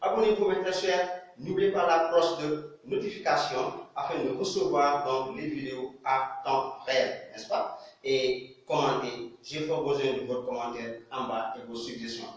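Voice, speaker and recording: A man's voice: mid-range voice, fairly even intonation, moderate pace. A male English teacher, giving a pronunciation lesson and repeating example words with emphasis. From Senegal. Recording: very echoey room, voice from far off.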